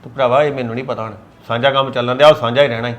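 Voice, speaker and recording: A man's voice: medium pitch, steady tone, racing, highs cut off, close to an everyday voice. A man playing a stern elder brother, scolding his younger sibling in an exasperated way. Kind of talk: scripted web drama acting.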